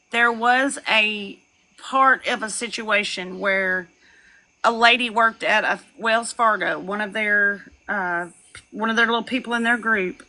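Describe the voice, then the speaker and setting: Young woman, live-stream rant, bright forceful voice, fast and profane. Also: on the high side, low-quality recording. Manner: loud, profane, gossipy, laughs and shouts. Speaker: livestreamer. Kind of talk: ranting live-stream commentary. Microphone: phone.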